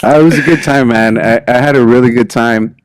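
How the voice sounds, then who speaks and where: A man's voice: medium pitch, brisk, noisy background. A man hosting a podcast and asking a guest friendly, easygoing questions. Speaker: podcast host. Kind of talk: casual podcast interview.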